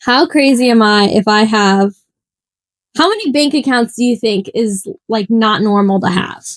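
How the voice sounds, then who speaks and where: A young woman with a fairly high voice co-hosts a casual podcast chat. She talks in an animated, teasing way and laughs often. Her voice sounds close and dry, with no room echo. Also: normal speed. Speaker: podcast co-host.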